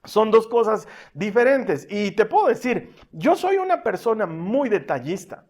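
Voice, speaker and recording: High-voiced man preaching a sermon. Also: a little slow. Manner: swings from lively and loud to soft and hushed; asks the congregation for amens, uses everyday examples. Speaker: pastor.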